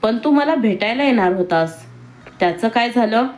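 A woman's voice: fairly high pitch, animated, moderate pace, a little mellow, a little hiss or hum, close to an everyday voice. A woman voicing an eager, insistent young woman on a phone call in a read-aloud romance story.

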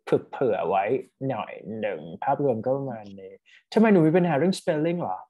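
A man's voice: medium pitch, very animated, normal speed, husky, muffled recording. A man tutoring a student in speaking, rambling and often checking that she follows. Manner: rambling, keeps checking understanding. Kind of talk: casual one-on-one tutoring.

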